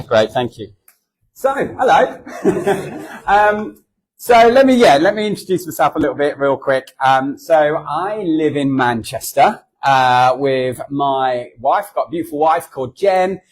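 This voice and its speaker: Fairly high-pitched and slightly rough, this southern English man in his forties speaks as a guest at a church. His talk is humorous, chatty, and self-deprecating, and he performs different voices while telling stories.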